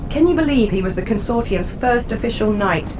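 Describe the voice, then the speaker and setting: A woman's voice: animated, a little fast, lightly acted. A woman playing a capable, candid female officer in a video game, conversational and self-assured. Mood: candid, friendly. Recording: distant voice over vehicle rumble. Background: aircraft engine rumble.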